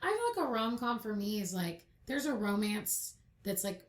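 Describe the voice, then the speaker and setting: A woman's voice: medium pitch, big pitch swings, normal speed. Casting: chatty woman, podcast co-host, upbeat and talkative. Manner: chatty, enthusiastic, laughs often. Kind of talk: casual chat.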